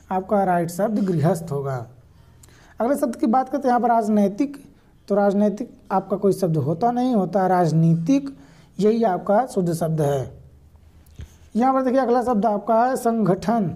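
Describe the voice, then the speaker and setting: A woman's voice: medium pitch, dark tone. A woman teaching correct spellings for an exam, explaining each word patiently and repeating the right answers. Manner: repetitive, explanatory, addresses viewers directly. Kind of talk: spelling lesson for exam prep.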